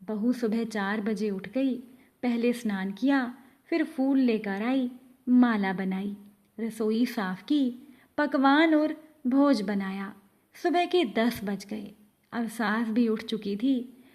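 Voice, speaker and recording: Slow gentle woman storyteller. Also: on the high side. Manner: slow, gentle addressing of the congregation. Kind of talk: devotional moral story narration.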